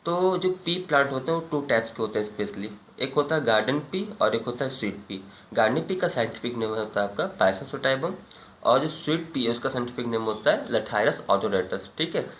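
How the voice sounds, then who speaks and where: A man's voice: mid-range voice, animated, a little fast, a bit bright. A male biology teacher gives a classroom lecture. He asks a question, answers it himself, and keeps checking in with his listeners. The sound is echoey, with a light hum in the background. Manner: repeats key points as questions, frequent "ठीक है" check-ins.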